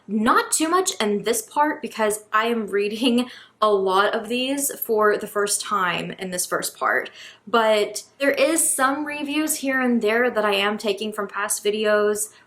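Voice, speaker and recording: A woman's voice: medium pitch, lively intonation, unhurried, fairly bright tone. A young woman chatting casually through a book review vlog, with lots of ums and likes.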